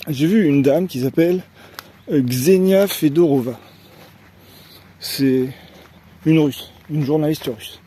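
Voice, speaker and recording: A man's voice: on the high side, slow, long pauses, warm tone. A man from France talking in a casual opinion monologue as a vlogger, rambling on fillers and tag questions and repeating words as he searches for phrasing.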